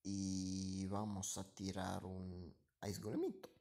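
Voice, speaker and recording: A man's voice: low voice, little pitch movement, slow, mellow. A man talks over his own gameplay in a running commentary. He drops to mutters between moves and jumps up in energy whenever the action swings, repeating short phrases as he goes. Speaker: gaming streamer.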